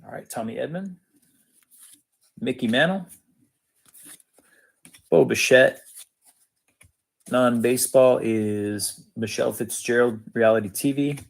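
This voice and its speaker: Male card-break host, slow and gravelly, casual and matter-of-fact, short clipped phrases. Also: mid-range voice. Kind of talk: casual live commentary, reading out cards.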